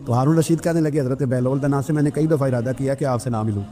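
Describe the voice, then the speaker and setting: A man preaching an emotional sermon, telling stories and voicing the people in them, moving between soft and raised delivery. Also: mid-range voice, fast talker, soft background music. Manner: storytelling, voicing figures in quoted dialogue.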